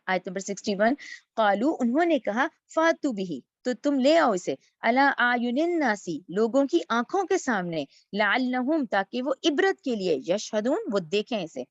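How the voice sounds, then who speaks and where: A woman's voice: a little high, very animated, no room sound, lo-fi sound. A woman teaching a verse-by-verse religious lesson, reciting Arabic phrases and then explaining each one. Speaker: Quran teacher.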